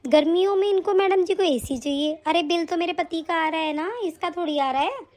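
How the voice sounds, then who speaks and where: Woman doing a sarcastic nagging bhabhi in a cartoon, super high voice, always griping. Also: a little fast, a little mellow. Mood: grumbling. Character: scolding sister-in-law, sharp-tongued, grudging housewife. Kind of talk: animated story voice acting.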